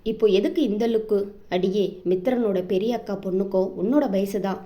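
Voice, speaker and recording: A woman reading the lines of a sharp-tongued young woman who teases and scolds her friend, in an audiobook novel. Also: mid-range voice, fairly quick, natural voice. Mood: teasing. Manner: teasing, scolding.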